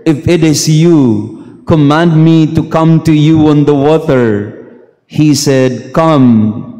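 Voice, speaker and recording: A priest reads the gospel and preaches at a slow, measured pace. His voice is dark and mellow. A long cathedral echo hangs after every phrase. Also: fairly high pitch. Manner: slow measured reading, then easygoing mixing of English and Tagalog. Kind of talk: gospel reading and homily. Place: large church. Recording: long church reverb.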